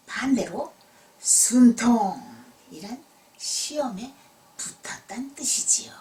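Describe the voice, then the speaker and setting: A woman telling a children's fairy tale in gentle, explanatory narration with dramatic emphasis. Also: medium pitch, recorded from a distance, a little hiss or hum. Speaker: children's storyteller.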